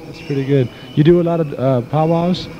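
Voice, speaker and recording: A man's voice: a little high, brisk. A man asking short questions as an interviewer in a casual, conversational style. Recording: muffled outdoor recording, faint noise.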